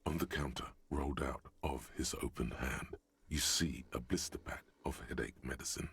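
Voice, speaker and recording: A man voicing a wry, deep-voiced game narrator with a husky, gravelly voice and a dry, descriptive delivery. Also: moderate pace, fairly bright tone, heavily acted. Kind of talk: video game voice acting. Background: faint game music.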